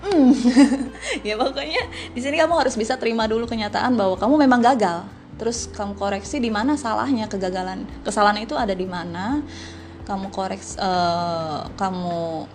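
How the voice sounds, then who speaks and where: A woman's voice: mid-range voice, fairly quick, background noise. A woman hosting a casual podcast Q&A, chatty and giggly. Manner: chatty and giggly, slangy, many restarts. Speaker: podcast host answering listener questions.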